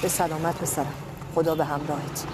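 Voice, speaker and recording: An actress playing a caring middle-aged mother in a screen drama, gentle and motherly. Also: deep voice, level tone, heavy background noise, natural voice. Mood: tender. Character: caring mother of a grown son. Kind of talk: naturalistic screen drama acting.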